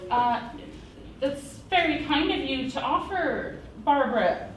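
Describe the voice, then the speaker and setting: A woman's voice: sits high, lively intonation, unhurried. A woman playing a polite, hesitant village girl with prim, old-fashioned phrasing in a stage story. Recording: very echoey noisy stage from far off.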